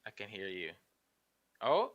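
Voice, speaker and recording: Casual male podcast host, bright voice with lively pitch, jokey. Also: a little slow, highs cut off. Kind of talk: casual group chat on a voice call.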